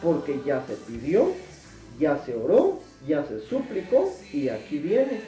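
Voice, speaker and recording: A male preacher gives an emphatic Bible teaching, his pitch rising and falling in lively swings and his words repeated for stress. His voice is mellow and unhurried. He sounds distant from the mic in an echoey room, with faint music underneath.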